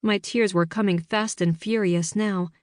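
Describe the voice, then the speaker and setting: A woman reading first-person scripted narration for an audiobook in a measured storytelling manner, in a studio. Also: medium pitch, fairly even intonation, no room sound.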